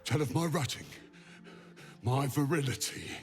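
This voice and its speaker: A man's voice: medium pitch, lively intonation, a little slow, faint music behind, lightly acted. An actor playing a pompous, indignant male brute monster in a video game, bragging in a bombastic way. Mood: boastful. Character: boastful, indignant brutish male monster caught rutting.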